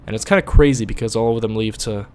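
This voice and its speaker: A man's voice: lowish voice, fast, a little mellow, a little hiss or hum. A man whose first language is Latvian, rambling through casual gameplay commentary, cursing and bursting out whenever the driving goes wrong. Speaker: gaming video host.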